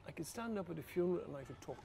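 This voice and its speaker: An older Irish priest with a deeply gravelly, fry-laden voice tells personal stories in an interview. He speaks earnestly and quietly, with a faint hiss of room noise behind him. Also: very fast. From Ireland. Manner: earnest, quietly emotional, rises to lively laughter. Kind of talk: reflective personal storytelling in an interview.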